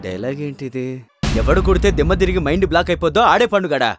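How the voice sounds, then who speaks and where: An actor playing a pompous middle-aged film director who scolds in a sing-song, mocking way. His pitch swings widely as he sneers at the dialogue. Music runs under the scene. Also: animated, racing, lightly acted. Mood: scolding. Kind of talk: comedy short film acting.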